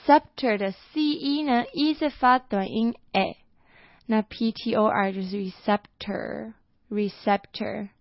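A woman teaching English vocabulary, explaining pronunciation and repeating each word slowly. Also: on the high side, dry recording. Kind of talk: vocabulary lesson. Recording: dull lo-fi dry recording.

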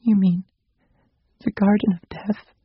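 A man's voice: high-pitched, flat delivery, unhurried, husky, no echo, dull audio, voice pushed up. A man voicing a prim, clever little girl. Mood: tender. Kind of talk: audiobook reading.

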